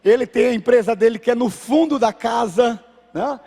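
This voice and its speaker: A man's voice: very high voice, normal speed, gravelly. A male pastor with a Brazilian Portuguese accent preaching a sermon, telling an anecdote and acting out the voices of the people in it. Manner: animated, acts out voices in anecdotes. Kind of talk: sermon with storytelling. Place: church sanctuary. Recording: reverberant church hall.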